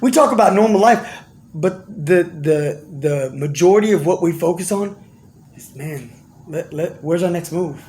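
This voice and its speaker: A man with a high-pitched voice delivers a casual motivational monologue straight to his audience. His speech is slangy, repetitive and full of restarts. He shifts between lively, animated bursts and low, quiet asides. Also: moderate pace, slight background noise. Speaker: vlogger giving life and business advice.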